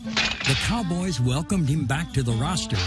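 A man's voice: on the high side, expressive, measured pace. Dramatic male documentary narrator. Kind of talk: scripted sports documentary narration. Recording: narration over music.

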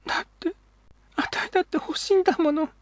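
A man's voice: very high voice, fairly even intonation, quick pace, dry recording, voice pushed up. A man voicing a small, hurt and sulky boy who pleads in a childish way in Edo-era speech. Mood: aggrieved.

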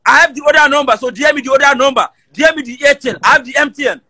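A man's voice: extremely high pitch, very fast, sharp tone, poor audio. A man on a phone video call, insistently repeating himself and defending his story. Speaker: caller. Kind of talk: casual video-call banter.

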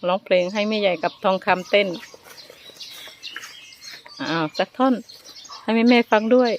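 A woman's voice: mid-range voice, animated, a little slow, highs cut off, a little hiss or hum. A woman, chatting casually and coaxingly to camera as a vlog host, speaking politely to her viewers. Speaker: elephant keeper vlogger.

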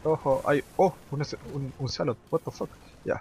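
Excitable young man commentating a game. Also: mid-range voice, normal speed. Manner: excitable, mixes English gamer slang and swearing. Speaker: gameplay commentator. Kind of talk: casual strategy game commentary.

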